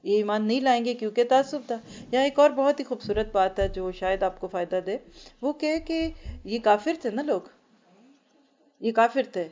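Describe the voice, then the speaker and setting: A woman teaches a scripture lesson to a group of women, laying out each point earnestly and pressing home rhetorical questions. She slows right down whenever she recites a verse. The recording is muffled and lo-fi. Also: fairly high pitch, expressive, a little mellow. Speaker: Quran teacher. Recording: dull lo-fi recording.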